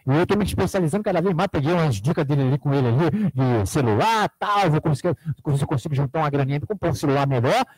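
A man's voice: a little high, animated, fast talker, hardly any pauses, a little mellow, husky, no echo, low-quality recording. A man from Rio with a Carioca accent, a ventriloquist and party magician, chatting in a rambling storytelling way in a small TV studio on a desk mic. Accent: Carioca Portuguese. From Rio de Janeiro, Brazil. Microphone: desk mic on stand.

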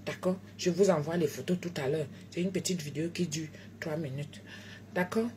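A tired woman chatting live to her followers, animated, jumping between loud exclamations and low murmurs and joking in broken English. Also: normal speed, a little hiss or hum. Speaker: food seller live-streaming on social media. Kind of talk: casual live chat to followers.

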